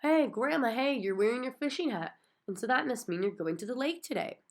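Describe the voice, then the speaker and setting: A woman voicing an excitable, bossy little girl who talks eagerly and repeats herself. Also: medium pitch, fairly quick, lightly acted. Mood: excited.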